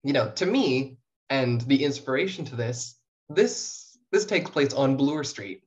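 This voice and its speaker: A student writer in her young adult years, from small-town New Brunswick, chats casually and self-deprecatingly as a guest in a podcast interview. Her very deep, slightly mellow voice is expressive and unhurried. The recording has a dull, lo-fi quality.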